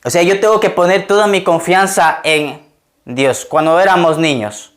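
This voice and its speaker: A pastor delivers a sermon in a relaxed, conversational way. He keeps turning to his listeners with questions and laughs often at his own stories. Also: high voice, moderate pace. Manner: conversational, asks the congregation questions.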